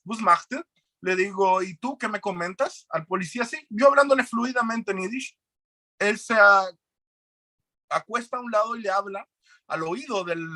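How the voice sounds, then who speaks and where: A man with a high, bright voice tells his personal testimony as a guest, earnest and serious. He acts out the lines of the people in his story. The sound is dry and close, with no room echo. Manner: earnest, retells events with quoted dialogue.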